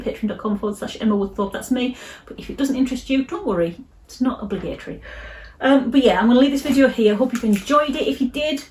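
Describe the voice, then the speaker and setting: A woman illustrator talking casually to camera in her vlog, gentle and reassuring, often restarting her sentences. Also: a little high. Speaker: illustrator vlogger. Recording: roomy echo.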